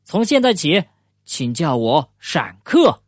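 A man's voice: fairly high pitch, sing-song, normal speed, slightly rough, dry recording. Brief: dad reading as a young turtle boy for a storybook, raised childlike voice, earnest, dry close sound. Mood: eager.

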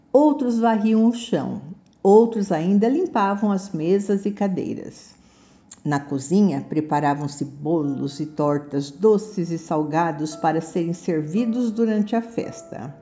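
A woman with a Brazilian accent narrating children's stories in a deliberate, affectionate way, on a muffled recording with music behind. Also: mid-range voice, dark tone. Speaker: children's storyteller. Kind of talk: scripted storytelling for children.

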